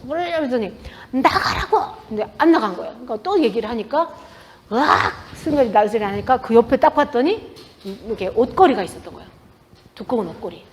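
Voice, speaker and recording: A woman author giving a talk to an audience in a bookstore, telling stories in a lively way and acting out what people said. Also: a little high, fast talker, a little hiss or hum. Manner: lively storytelling, acting out quoted dialogue. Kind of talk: public book talk to an audience. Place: bookstore event space.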